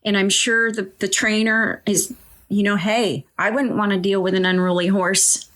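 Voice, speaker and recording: A woman's voice: medium pitch, level tone, moderate pace, a bit bright. A woman hosting an interview who tells rambling stories from her work as an equine body worker. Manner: anecdotal, rambling, acts out quoted voices. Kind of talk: casual conversational interview.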